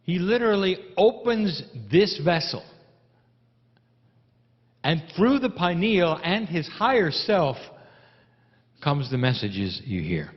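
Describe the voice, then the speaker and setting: A man giving a channeled spiritual address in solemn, deliberate phrases with pauses. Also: high-pitched, big pitch swings. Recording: dull recording in reverberant hall.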